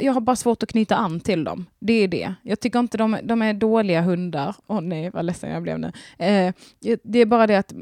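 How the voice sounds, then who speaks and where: A woman's voice: lowish voice, darkish tone, no room sound, clean studio sound. A young woman, chatting casually as a podcast host, rambling and gushing with lots of fillers and restarts. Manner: giggly, gushing.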